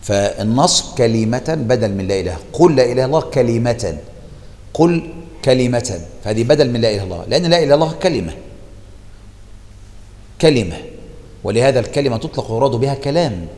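Gravelly, quick Egyptian teacher in a hall. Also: male voice, mid-range voice. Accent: Egyptian Arabic. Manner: animated teaching, repeats key phrases for emphasis. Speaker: religious teacher. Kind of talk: explaining a classical text in a lesson.

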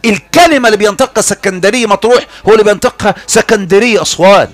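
A man with an Egyptian accent giving a heated religious lecture, mocking and animated, swinging between loud outbursts and hushed asides. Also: high voice, rapid-fire. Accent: Egyptian Arabic.

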